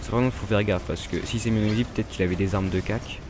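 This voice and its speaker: A fast-talking, French-accented gaming YouTuber gives relaxed, unscripted gameplay commentary with background noise behind him. His voice sits a little low, and he rambles, leans on fillers, restarts sentences and talks straight to viewers.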